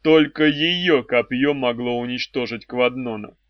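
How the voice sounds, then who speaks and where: A man's voice: medium pitch, a little slow, dry recording, close to an everyday voice. A man voicing a self-assured, mocking lord of darkness with a dry ironic manner. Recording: dry, slightly dull audiobook recording.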